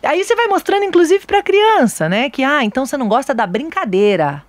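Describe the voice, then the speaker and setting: A parenting educator talks on a podcast, telling stories with animated energy. Her voice is high and swings widely in pitch. The sound is close and dry. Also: fast, no room sound. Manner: animated storyteller, acts out voices. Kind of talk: casual podcast chat.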